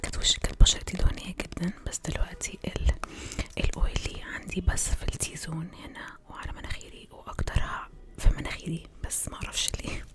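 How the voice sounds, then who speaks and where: Young Egyptian female, ASMR creator. Close, intimate breathy whisper, low-pitched, English words sprinkled in. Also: flat delivery. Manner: repeats words slowly as soft trigger sounds, mixing in English words.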